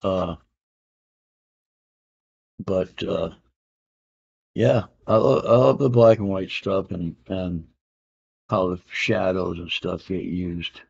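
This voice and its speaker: Deep, husky, and heavy with vocal fry, this fiftyish man takes his time and pauses a lot. He's a comic collector showing off what he won at auction, rambling in a relaxed unboxing chat with frequent "uh"s, "man," and "I can dig it." The lo-fi home camera audio is dull, and comic art lines the room's walls.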